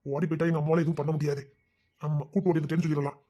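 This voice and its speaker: Brief: a man as a lovesick youth with a lilt, high voice, rapid patter, fretful and pleading. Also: little pitch movement, dark tone, natural voice. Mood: worried scheming. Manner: fretful rambling inner monologue, then pleading. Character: lovesick young village man, restless, scheming to elope. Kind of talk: audio love-story drama.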